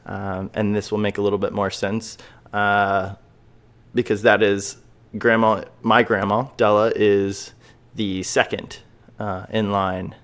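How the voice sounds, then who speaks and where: A man's voice: fairly low pitch, flat delivery, slow, fairly bright tone. A man hosting a casual podcast interview, upbeat and enthusiastic, with frequent fillers. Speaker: podcast host.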